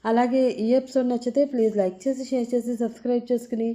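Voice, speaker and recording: A woman narrating a serialized audio story in a steady storytelling manner. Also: on the high side, fast. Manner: steady storytelling with channel sign-off.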